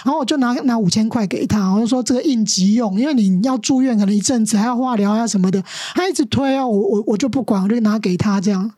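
A woman's voice: a little high, fast, hardly any pauses, dark tone, no echo, clean studio sound. Earnest Taiwanese Mandarin woman storyteller. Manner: earnest, acts out quoted dialogue. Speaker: teacher guest. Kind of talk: storytelling interview.

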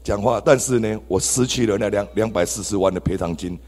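Speaking briskly in a lowish, darkish voice, a Taiwanese Mandarin-accented man shares his testimony with a church congregation, exclaiming and speaking straight to them. It's a sermon recorded in an echoey church hall.

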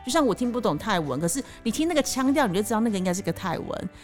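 A woman, co-hosting a casual chat show and telling a story with animated, teasing delivery. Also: mid-range voice, racing, soft background music. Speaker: podcast co-host.

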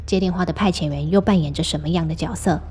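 Brief: female host, husky voice, scripted true-story narration, measured delivery. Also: lowish voice, a little mellow.

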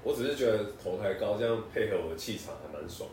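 A man's voice: fairly low pitch, animated, fast talker, a little mellow, distant mic. A man in his twenties with a Taiwanese Mandarin accent, co-hosting a casual podcast chat, telling stories and laughing often. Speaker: podcast co-host. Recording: echoey room, voice off-mic, faint noise.

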